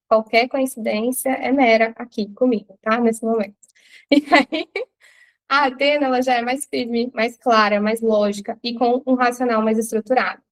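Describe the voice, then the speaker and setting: A Brazilian woman teaching a recorded branding class, explaining step by step and asking her students rhetorical questions. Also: on the high side. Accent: Brazilian Portuguese.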